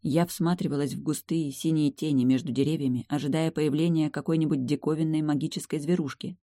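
Expressive woman reading a fantasy audiobook. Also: sits low, fairly quick, no echo, studio quality. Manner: lively, expressive. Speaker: audiobook narrator. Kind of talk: first-person fantasy narration.

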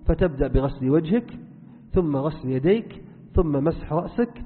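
A man teaching a religious lesson, earnest and instructive, addressing his listeners directly. His voice sits a little high, and it rings through a long hall echo. The recording is narrow and phone-like. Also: expressive, normal speed. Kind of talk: religious lesson, explaining to students.

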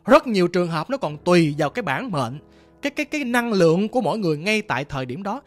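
A woman's voice: fairly low pitch, big pitch swings, quick pace, soft background music. A woman telling a first-person ghost story in a chatty way, speaking directly to her listeners.

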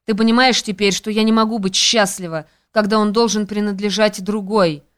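Passionate young woman in love, voiced by a woman, impassioned, smooth clear voice, audiobook. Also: mid-range voice, steady tone, brisk, a bit bright, natural voice. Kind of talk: audiobook character reading.

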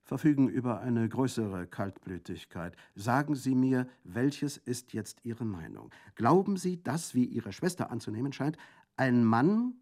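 A man's voice: mid-range voice, very animated, measured pace, a little mellow, pitched above the performer's own voice. A man reading aloud and voicing a formal, somewhat condescending government prefect. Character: official French prefect, formal and patronizing. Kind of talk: audiobook reading.

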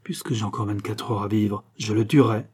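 A man reading an audiobook and voicing a fierce, superstitious young woman who speaks in a hushed, intense voice. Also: lowish voice, fairly even intonation, brisk, husky.

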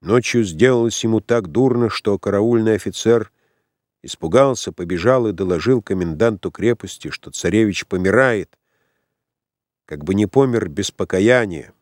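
A man narrating an audiobook in a measured, dramatic reading. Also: on the low side, darkish tone, no echo, studio quality.

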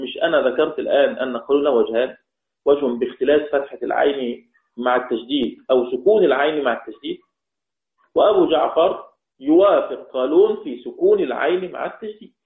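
Man, recitation teacher, patient quizzing explainer, phone-like sound in a roomy space. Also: medium pitch. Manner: explains step by step, quizzing students. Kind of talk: online class explanation. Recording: tinny phone-like line, echoey room.

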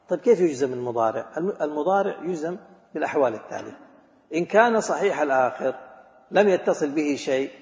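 A grammar teacher with a somewhat high male voice leads a class, firing questions at his students and repeating examples. His voice rings through a large echoing hall with a long reverb tail. The recording sounds dull and lo-fi. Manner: mixes formal Arabic with colloquial speech. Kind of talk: classroom lecture on a grammar text.

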